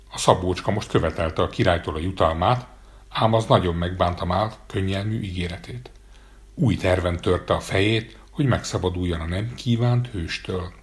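A man calmly narrating a fairy tale aloud. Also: sits low.

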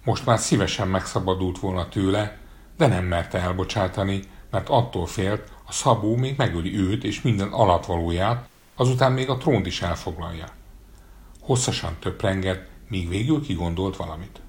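A man calmly narrating a fairy tale aloud. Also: low voice.

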